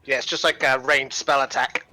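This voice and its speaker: Bright-voiced man playing a tabletop game. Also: mid-range voice, little pitch movement, moderate pace, rough recording. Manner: chatty, laughs between moves. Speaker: player.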